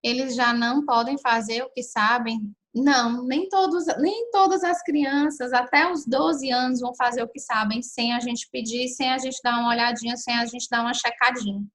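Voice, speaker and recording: On her laid-back live chat, a parenting host with a somewhat high voice fields viewer questions and shares hands-on advice. Her pace is moderate with few pauses, and her chatty style frequently turns directly to the audience.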